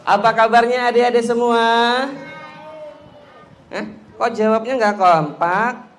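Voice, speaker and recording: A man's voice: extremely high pitch, fairly even intonation, a little slow, a little hiss or hum. Playful man teasing children at a mic. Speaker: children's speaker. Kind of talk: lively talk to children. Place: school hall with children. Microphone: handheld microphone.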